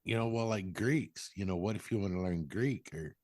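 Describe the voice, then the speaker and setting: Co-host: deep-voiced man, hesitant, stop-start delivery, dry recording. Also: a little mellow, no echo. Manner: halting, many restarts and fillers. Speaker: podcast co-host. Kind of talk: casual chat.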